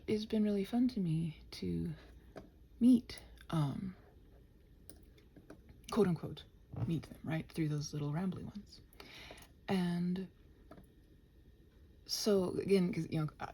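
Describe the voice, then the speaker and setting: An audio roleplay and ASMR creator rambles casually to her listeners while she works, muttering, thinking aloud, and poking fun at herself. Her soft voice is medium-pitched, gravelly, and slightly rough, and it often drops almost to a whisper.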